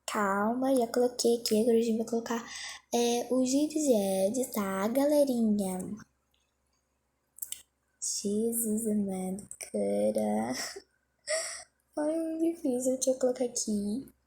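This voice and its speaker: A young woman vlogging casually, flustered and hurried as she races a timer. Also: a little high, warm tone, a little hiss or hum. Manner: flustered, hurried, self-mocking. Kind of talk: casual self-talk during a timed phone challenge.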